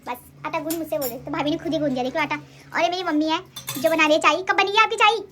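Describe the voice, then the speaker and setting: Young woman, chatty home vlogger, very high voice, rattles on at speed. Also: fast talker, fairly bright tone. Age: young adult. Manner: rambling, chatty, self-correcting. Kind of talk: casual home vlog chat. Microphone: handheld phone camera.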